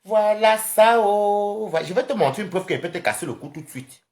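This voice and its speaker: Cameroonian-accented live streamer, lively swooping pitch, rambling, combative rant. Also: very fast. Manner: animated, rambling, confrontational, addresses viewers directly. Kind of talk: casual social media live rant.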